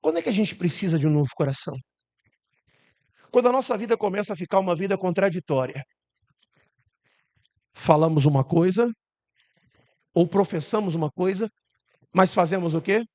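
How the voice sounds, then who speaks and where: High-voiced Brazilian preacher. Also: male voice, expressive, moderate pace, long pauses, a little mellow. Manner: rhetorical questions to the congregation; acts out quoted voices. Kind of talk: sermon.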